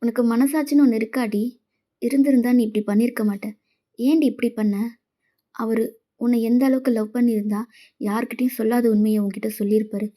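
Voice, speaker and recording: A woman's voice: on the high side, fairly even intonation, fairly quick, pauses often, dark tone, natural voice. A woman voicing an accusing young woman friend. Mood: scolding. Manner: scolding, accusing. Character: angry young woman, the heroine's best friend.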